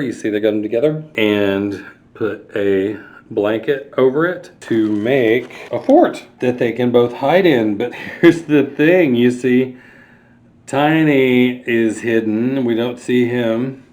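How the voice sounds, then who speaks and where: Here a man with a mid-range, somewhat dark voice reads a storybook to small children, adding explanatory asides about the pictures and questioning them as he goes.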